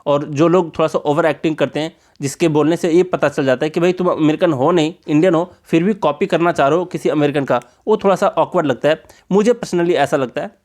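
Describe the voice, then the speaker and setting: A young man with an Indian accent teaching English grammar in a casual Hindi-medium lesson, chatting directly with learners and reading English example sentences slowly and deliberately. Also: fairly high pitch, a little mellow.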